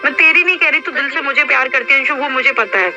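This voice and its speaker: A young woman's high voice races along in a heated private phone conversation. Insistent and full of grievance, she often interrupts whoever is on the other end, and the call is muffled, with music playing in the background.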